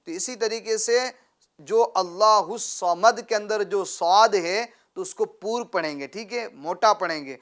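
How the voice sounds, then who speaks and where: A man with a fairly high, slightly bright voice teaches a child Quran recitation. He asks questions, has the pupil repeat after him, and praises often in a patient call-and-response style.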